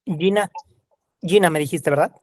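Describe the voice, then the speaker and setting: Slow reflective man leading a workshop. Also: on the high side, a little mellow, no room sound. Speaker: workshop facilitator. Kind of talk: coaching workshop talk.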